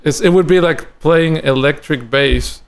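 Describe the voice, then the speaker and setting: A man from Costa Rica, a guest drummer and educator, talking in a thoughtful, halting way with many restarts in a casual podcast conversation. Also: on the high side, clear, resonant tone.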